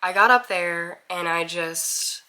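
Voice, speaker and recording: A woman's voice: lowish voice, slow, sharp tone. A woman of twenty from Mississippi, chatting candidly to camera in a casual intro vlog and laughing at herself. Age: 20s. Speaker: vlogger.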